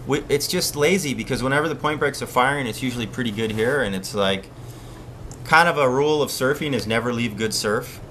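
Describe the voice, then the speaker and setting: A man's voice: mid-range voice, brisk, slight background noise. A man from Hawaii, a surf coach hosting a casual live-stream Q&A and reading viewer questions aloud. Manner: relaxed, chatty, reads viewer questions aloud.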